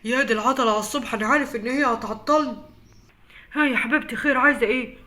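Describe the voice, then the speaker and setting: A woman voicing a busy, pious Egyptian father with a rapid-fire way of talking in a family skit. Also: on the high side, pushed and bright. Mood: harried.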